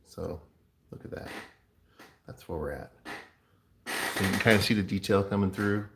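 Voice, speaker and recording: A man casually narrating his coin ring making as he works, chatty and relaxed, with playful sound words. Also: low-pitched, normal speed. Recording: echoey room with clear background noise.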